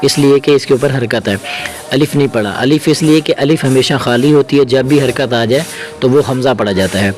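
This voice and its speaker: A man teaching Quran reading, slowly spelling out letters and sounds and often checking that the learner follows. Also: medium pitch, a little mellow, faint music behind. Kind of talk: step-by-step Quran reading lesson.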